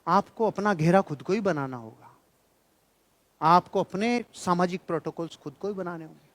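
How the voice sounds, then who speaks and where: A high-pitched man speaks at normal speed on a dry recording, preaching a motivational speech to an audience. He comes across as emphatic and admonishing, using repetition of phrases for effect.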